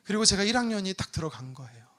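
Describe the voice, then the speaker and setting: Bright, lively Korean pastor preaching. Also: male voice, high-pitched, rapid-fire. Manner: animated storytelling with prayer re-enactments. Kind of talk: sermon.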